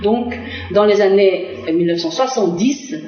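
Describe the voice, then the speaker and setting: Soft music plays behind a middle-aged Korean woman, a diplomat, as she answers a TV interviewer at medium pitch. She often stops, fills the gaps with "euh" and begins phrases again. The sound is dull and roomy, reminiscent of a dated lo-fi broadcast.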